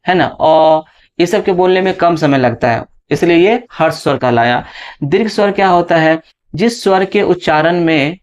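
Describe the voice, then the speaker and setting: A man teaching a grammar lesson step by step, often checking in with his students and drawing out letter sounds slowly as he recites them. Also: fairly high pitch. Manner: explains step by step with frequent "है ना" and "ठीक है" check-ins. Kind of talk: classroom lesson explanation.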